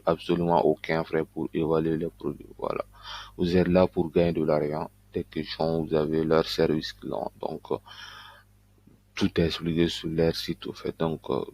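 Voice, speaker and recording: Low-voiced man walking through a tutorial. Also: highs cut off. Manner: loose and halting, with frequent verbal fillers. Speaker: online business YouTuber. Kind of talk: casual screen-recording tutorial.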